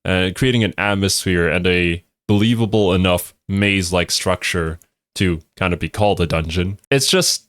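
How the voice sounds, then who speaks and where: Man, low pitch, dry recording, casual reaction video commentary, thoughtful and musing. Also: fairly even intonation, moderate pace, fairly bright tone, no echo.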